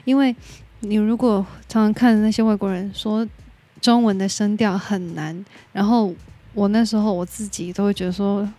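Mellow-voiced Taiwanese woman podcaster. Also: medium pitch, steady tone, moderate pace. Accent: Taiwanese Mandarin. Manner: candid and opinionated, drops in English words. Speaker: podcast host. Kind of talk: casual solo podcast chat.

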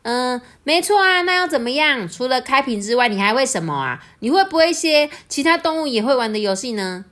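A woman voicing a curious, cheeky little crow in a children's picture-book reading, asking bright, teasing questions. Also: high-pitched, sing-song, brisk, few pauses, pitched above the performer's own voice.

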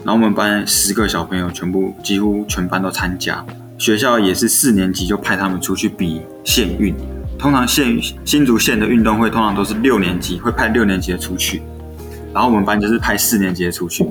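This brisk, lowish male voice belongs to a twenty-something elementary school teacher with a Taiwanese Mandarin accent. Swapping classroom anecdotes in relaxed conversation, he performs what people said like a lively storyteller, over faint background music.

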